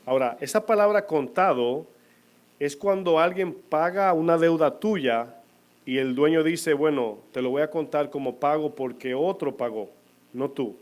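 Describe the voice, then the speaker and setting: A man preaching a sermon in a church, with a fairly high voice. He keeps asking his listeners questions and then answers them himself. He slows down to lean on the key words. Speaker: pastor.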